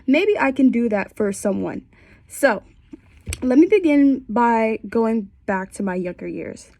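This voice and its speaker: A student in her twenties, stuffy and congested from a cold, candidly tells her personal story for a class from a small bedroom, conversational and dotted with wry asides. Her voice is on the high side with a dark tone, and there is no room sound.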